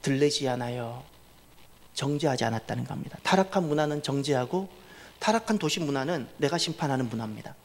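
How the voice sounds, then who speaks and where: A man's voice: mid-range voice, lively intonation, fairly quick. A male pastor preaching a sermon, pressing points with emphatic repetition and asking the congregation questions. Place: church sanctuary. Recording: long church reverb.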